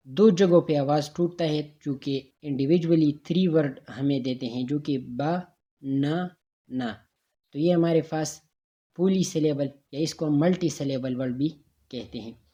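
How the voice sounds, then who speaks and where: A man's voice: fairly high pitch, dark tone, highs cut off. A man teaching a recorded grammar lecture, explaining patiently step by step and sounding out examples syllable by syllable.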